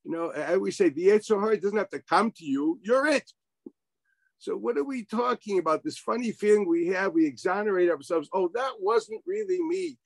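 A man's voice: high-pitched, animated, fairly quick, gravelly, no room sound, poor audio. A man teaching an informal Torah class over a video call, wry and sarcastic, firing rhetorical questions and sprinkling in Hebrew and Yiddish terms.

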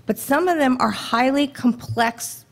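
A woman in her thirties giving a conference talk at a podium microphone in a dim hall, brisk and conversational, throwing rhetorical questions to the audience. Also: sits high, gravelly. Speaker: government contracting presenter. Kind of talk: conference presentation.

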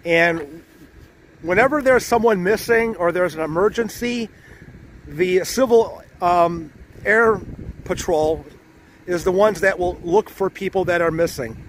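Eating his way through a buffet restaurant and later stepping outside, this vlog host rambles casually through his food review. His voice is high and a touch slow, with a slight hiss or hum in the background.

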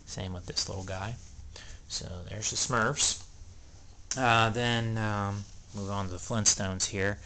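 A man's voice: fairly low pitch, fairly even intonation, takes it slowly, sharp tone, slight background noise. Rambling man showing off his collection. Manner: rambling, hesitant, many ums. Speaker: collector selling items. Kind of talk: casual show-and-tell. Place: indoors, small room at home.

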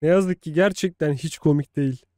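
A man's voice: fairly high pitch, a little fast, over music. A man in his thirties reacting casually to videos on a livestream, talking informally to his viewers. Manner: conversational, addresses viewers informally. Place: small room at home, indoors. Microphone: desk microphone on boom arm.

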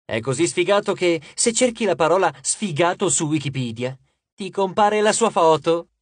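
Man voicing a cocky teen boy, showy and mocking, lively swoops, dry close sound. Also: sits high, moderate pace, no room sound. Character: cocky teenage boy hero, boastful joker.

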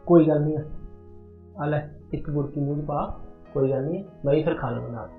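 A man's voice: fairly high pitch, fairly quick, close to an everyday voice. A man playing a menacing, controlling husband. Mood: coaxing. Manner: menacing, commanding. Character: controlling, threatening young husband. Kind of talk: amateur family drama acting. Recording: dull, roomy recording with faint music.

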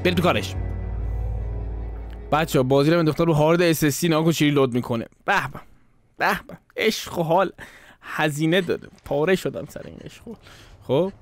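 A man's voice: on the high side, pauses often, no echo, faint music behind. Playful young man narrating gameplay. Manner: playful, teasing, joking. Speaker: gaming channel host. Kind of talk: casual gameplay commentary.

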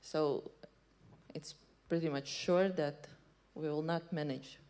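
A woman in her thirties speaking as a panelist on a stage, answering haltingly with pauses into a handheld mic. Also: low voice, steady tone, darkish tone. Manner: halting, many fillers and restarts. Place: stage in a large hall.

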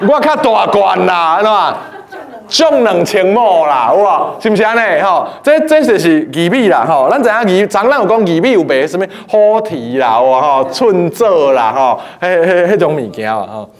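Male lecturer with a high voice, playful and lively, quizzing his class. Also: fairly quick, few pauses. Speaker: teacher.

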